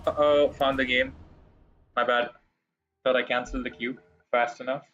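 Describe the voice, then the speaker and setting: A man's voice: medium pitch, little pitch movement, moderate pace, fairly bright tone, muffled recording. A man chatting casually to his stream chat while playing a game, rambling and poking fun at himself. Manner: chatty, rambling, self-deprecating. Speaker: gaming streamer.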